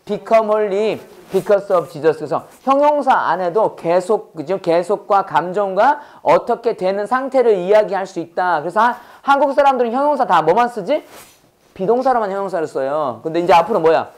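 A man's voice: sits high, lively intonation, moderate pace. A man teaching an English lesson to a class, drilling students with constant questions and exaggerated pronunciation. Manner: drills students with repeated call-and-response questions.

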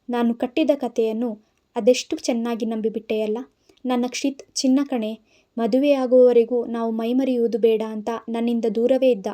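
A woman's voice: a little high, mellow, natural voice. A woman voicing a spiteful, scheming young woman who taunts her rival in a storybook reading. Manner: taunting, contemptuous.

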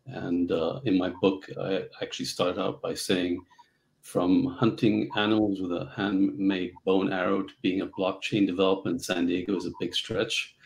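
A middle-aged man from Central Africa, telling his story as a guest on a video call, halting with many fillers. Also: low-pitched, flat delivery, creaky, rough recording. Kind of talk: casual interview storytelling. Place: home office.

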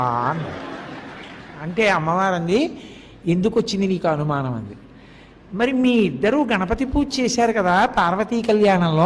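Male preacher, high voice, devotional storytelling sermon that voices the figures in dialogue. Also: slight background noise.

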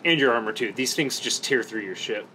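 A man with a bright, forceful voice and medium pitch hosts a casual gaming video. He talks in an enthusiastic, slangy way as he narrates his play. Faint game ambience and noise sit behind his voice. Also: a little fast, rough recording. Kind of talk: casual gameplay commentary. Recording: background noise under the voice.

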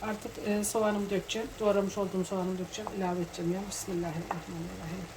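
A middle-aged woman hosting a home cooking tutorial from her kitchen, greeting viewers warmly as friends. She sounds slightly under the weather from a cold. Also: mid-range voice, little pitch movement, racing, heavy background noise. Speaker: cooking channel host.

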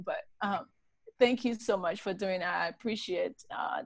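A tired middle-aged woman from Liberia, giving a relaxed, chatty talk over a laptop video call from a home study. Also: lowish voice, no room sound. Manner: relaxed, chatty, laughs often. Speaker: guest speaker.

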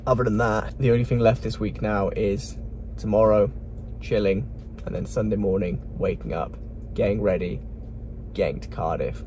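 A man vlogging casually at night, chatting quickly and rambling a bit while recording himself on his phone. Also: fairly low pitch, steady tone, a little mellow, a little hiss or hum. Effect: phone video recording. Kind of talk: casual vlog to camera.

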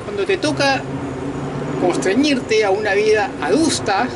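Heavy background noise surrounds this man from Peru, in his fifties, as he addresses viewers directly from a night balcony above a lit city. A vlogger who calls himself a political candidate, he talks in a high-sitting voice at a measured pace, animated and casual, dropping slangy asides.

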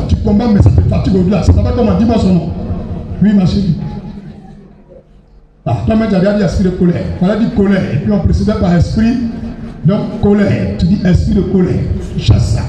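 A male pastor, preaching a deliverance sermon, exhorting and teaching his congregation and teasing them now and then. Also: high-pitched. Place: church service. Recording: echoey church hall with music behind.

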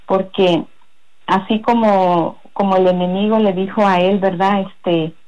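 A woman giving a personal religious testimony in a halting, rambling way, full of fillers. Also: mid-range voice, fairly even intonation, a little mellow, muffled recording. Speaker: guest giving a faith testimony.

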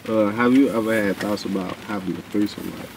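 A man with a fairly low voice leads a casual truth-or-dare game with friends, asking laid-back, slangy questions. The room around him has a steady background noise. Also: quick pace, recorded from a distance. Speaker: host asking dares.

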